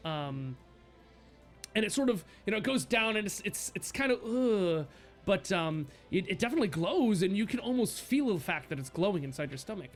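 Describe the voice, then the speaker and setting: High-voiced man running a tabletop game. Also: very animated, soft background music. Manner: halting, full of fillers and restarts. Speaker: game master.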